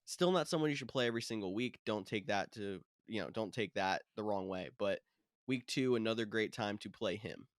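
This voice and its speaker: A man's voice: lowish voice, a little fast, dry recording, studio quality. A man co-hosting a casual fantasy football podcast, giving matter-of-fact player advice. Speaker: podcast co-host.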